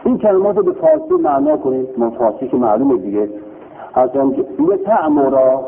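A man's voice: medium pitch, very animated, creaky. A man teaching a grammar lesson, drilling verb forms and quizzing himself with questions and answers. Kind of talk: recorded classroom lesson. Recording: tinny phone-like line with faint noise.

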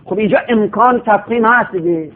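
A man teaching a lesson on Quranic recitation and grammar, explaining points by repeating word forms in drilled lists. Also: high voice. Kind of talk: classroom lecture. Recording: tinny phone-like audio.

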